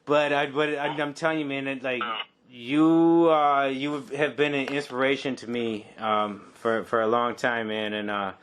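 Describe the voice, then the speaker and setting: A man's voice: medium pitch, steady tone, unhurried, a bit bright, a little hiss or hum. Forty-ish guy hosting his podcast, super casual, says man constantly, regular mid voice. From Detroit area, United States. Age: 40s. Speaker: podcast host.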